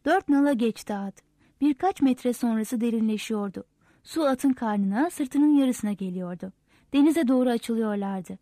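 A woman reads a novel aloud as the narrator, in a steady, measured way. Her voice sits fairly high but has a mellow, soft tone. The sound is close and dry. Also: dry recording. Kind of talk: audiobook narration.

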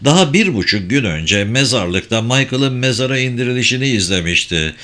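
A man narrating a thriller audiobook in a steady, measured reading voice. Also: medium pitch.

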